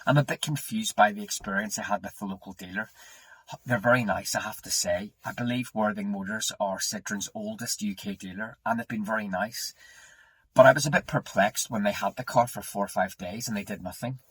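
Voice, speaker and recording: British man in his forties, slightly husky. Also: on the low side, brisk, no room sound, rough recording. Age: 40s. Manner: rambling, mildly grumbling. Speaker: car owner making a review video. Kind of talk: casual chat to camera. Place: echoey indoor space.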